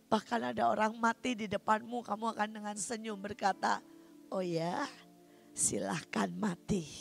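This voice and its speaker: A woman preacher giving a sermon testimony, talking straight to the congregation and moving between quiet, intimate passages and loud, emphatic ones. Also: a little high, gravelly. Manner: addresses congregation often, swings from quiet to loud.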